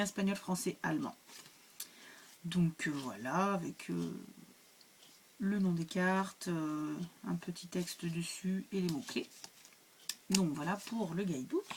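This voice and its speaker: A woman's voice: on the low side, darkish tone, a little hiss or hum. Hesitant woman reviewing a card deck. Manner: hesitant, many fillers and restarts. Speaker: cartomancy channel host.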